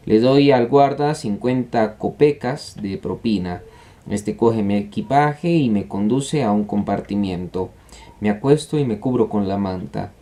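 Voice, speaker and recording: A man voicing a boastful, fibbing male army officer in an audiobook, telling an anecdote in a lively way. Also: fairly low pitch, lightly acted.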